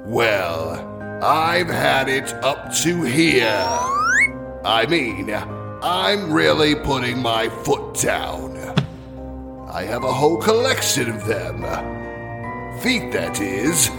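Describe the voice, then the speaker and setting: A man voicing a macabre, easily irritated horror shopkeeper who hosts an audio horror drama with slow, drawn-out, mock-sinister delivery. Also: medium pitch, very animated, vocal fry, music in the background, exaggerated voice. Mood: menacing. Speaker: horror shop keeper host.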